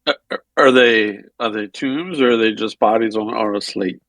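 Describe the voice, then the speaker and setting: A man's voice: fairly low pitch, normal speed, fairly bright tone, dry recording. A man chatting casually as a player in a tabletop game. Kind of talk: casual chat.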